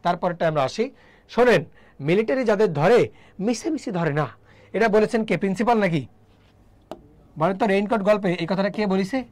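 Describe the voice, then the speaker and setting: A man with a Bangladeshi Bengali accent leads a live exam-prep lesson in a voice pitched somewhat high. He quizzes his viewers, says the answers over, and keeps pressing them to comment. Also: animated, moderate pace, long pauses. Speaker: admission test tutor.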